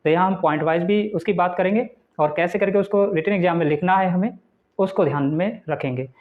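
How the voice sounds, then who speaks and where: Man teaching with a high voice. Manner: slow, deliberate reading of English definitions, then explaining them point by point. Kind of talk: exam-focused lecture. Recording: dull lo-fi recording.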